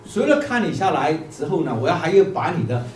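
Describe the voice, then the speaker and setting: A man's voice: on the high side, very animated, fast talker, a little mellow, a little hiss or hum, voice pushed up. A man voicing the Lord as a stern, patient master who lays out his demands in a sermon parable. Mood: firm. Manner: firm, explaining. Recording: echoey room, distant mic, faint music.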